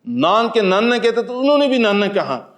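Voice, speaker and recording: A male Islamic teacher delivers a sing-song Quran commentary as a spoken lesson for an audience. He puts questions to the listeners, answers them with ordinary examples, and moves between loud emphatic statements and soft, hushed asides.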